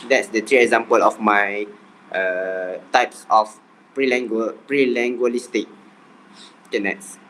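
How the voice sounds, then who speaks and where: A young man talks his way through a class presentation, halting often and restarting his sentences. His pitch sits in the middle range, with a faint hum of a room behind him. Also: fairly bright tone, low-quality recording. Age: young adult. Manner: hesitant, many fillers and restarts. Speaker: student presenter.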